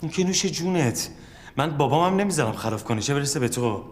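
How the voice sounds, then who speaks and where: A man's voice: fairly high pitch, lively intonation, big-room sound, lightly acted. An actor playing a furious man who scolds and threatens a friend. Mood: angry. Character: furious man berating his careless friend. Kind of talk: TV drama acting.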